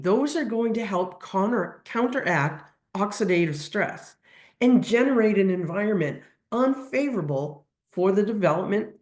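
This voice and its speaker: A veterinary technician with a cold gives an educational webinar lecture, explaining things step by step with frequent ums and restarts. Her voice is medium-pitched and a little mellow, and the sound is reverberant.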